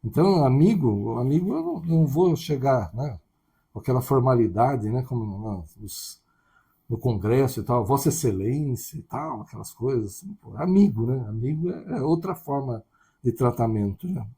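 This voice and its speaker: A man's voice: medium pitch, expressive, moderate pace, warm tone, slightly rough. A man with a Brazilian Portuguese accent preaching a sermon in a conversational way, often checking in with tag questions.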